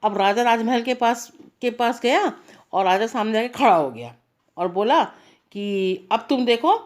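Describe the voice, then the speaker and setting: A woman's voice: fairly high pitch, expressive, unhurried. A woman telling a bedtime story aloud to a child. She talks in an informal, rambling way and turns to address the child directly now and then.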